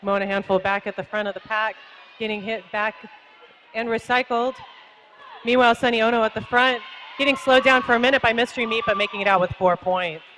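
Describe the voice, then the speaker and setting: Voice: mid-range voice, fairly even intonation, fairly quick, pushed and bright, a faint crowd, slight background noise, low-quality recording. A roller derby commentator calling jams live in a chatty, casual way, with lots of fillers and easy laughter.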